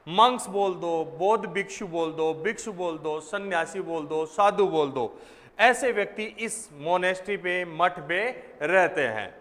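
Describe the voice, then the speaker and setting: A man's voice: sits high, measured pace, fairly bright tone. Man teaching vocabulary, reverberant room. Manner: explains step by step, repeats key words, asks and answers his own questions. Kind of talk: exam vocabulary lesson.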